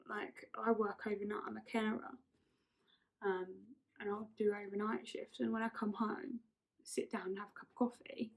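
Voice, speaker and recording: A vlogger in her twenties rambles casually through get-to-know-me questions, frequently correcting herself. Her voice is medium-pitched with a darkish tone, and the recording is rough.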